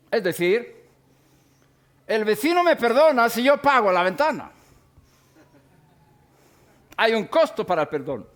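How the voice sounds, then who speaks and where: Middle-aged man, Bible teacher: high-set voice, deliberate sermon-style delivery that repeats key words.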